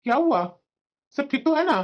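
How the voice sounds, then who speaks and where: A woman's voice: high voice, moderate pace, dull audio, lightly acted. A woman voicing a puzzled older father in a family cartoon, asking what has happened. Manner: puzzled, questioning.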